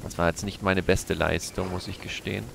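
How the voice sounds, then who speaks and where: A low, gravelly male voice narrates a let's play, chatting along to the game, talking to himself and his viewers, with lots of exclamations and swearing. The recording carries clear background noise. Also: level tone, a little fast. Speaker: gaming YouTuber.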